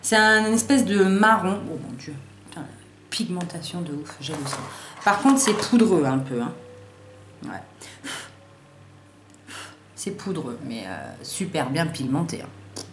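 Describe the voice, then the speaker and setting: A woman doing a casual makeup haul video, talking in slangy, excitable bursts and swearing freely as she tests colours and trips over English names. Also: on the low side, a little slow, pauses often. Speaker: beauty vlogger. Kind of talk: casual haul review with swatches. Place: sunny room at home. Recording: roomy echo, faint background hiss.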